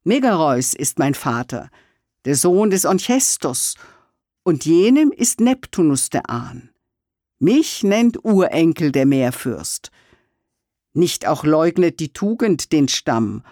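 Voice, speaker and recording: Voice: mid-range voice, sing-song, takes it slowly, warm tone, dry recording, clean studio sound. A reader voicing a daring young man courting in a solemn verse recital. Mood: bold. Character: bold young male suitor, daring.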